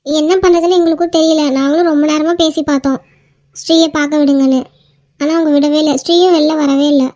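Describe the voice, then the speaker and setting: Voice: high-pitched, fairly even intonation, quick pace, a little mellow, no room sound, clean studio sound, natural voice. A performer voicing a worried young woman, a pleading younger sister in a cartoon. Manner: anxious, pleading. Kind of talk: cartoon voice acting.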